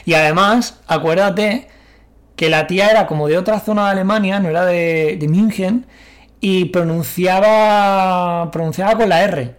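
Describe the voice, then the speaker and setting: A young man from Spain with a Spanish accent, telling an animated anecdote as a guest in a casual chat, acting out the voices of the people he quotes and swearing casually. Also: high-pitched, a little slow.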